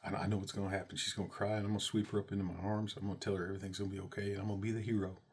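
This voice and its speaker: A father tells a personal story in a very low, husky voice. He is an animated storyteller, and his voice leaps high whenever he exclaims. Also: racing.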